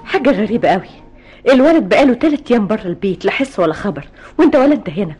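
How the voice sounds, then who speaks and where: Anxious middle-aged Egyptian mother, husky voice, rapid pleading delivery, radio drama. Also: mid-range voice, big pitch swings, darkish tone, faint music behind. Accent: Egyptian Arabic. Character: worried mother pleading for her son.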